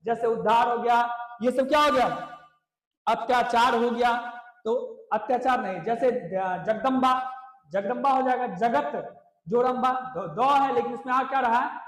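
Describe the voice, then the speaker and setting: A man's voice: very high-pitched, normal speed, fairly bright tone. A man teaching Hindi grammar for exams, drilling rules by asking questions and answering them himself. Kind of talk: exam coaching lesson. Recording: echoey room.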